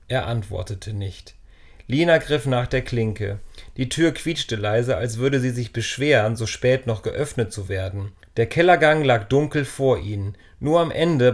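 A man narrating a children's story in a calm, measured reading voice. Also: mid-range voice.

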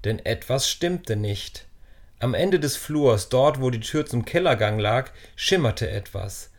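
A man narrating a children's story in a calm, measured reading voice. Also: mid-range voice.

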